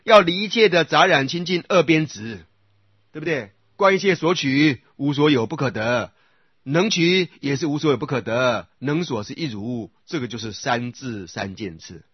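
Husky-voiced man teaching Buddhist scripture. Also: mid-range voice, expressive, no echo, highs cut off. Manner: often checks with listeners by asking "right?"; recites sutra phrases in slow repeated cadence. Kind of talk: sutra lecture.

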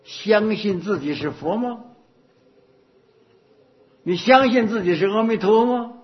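A little slow and pitched high, a male Buddhist teacher delivers a dharma talk full of stories, repetition, and rhetorical questions. The recording is dull and lo-fi.

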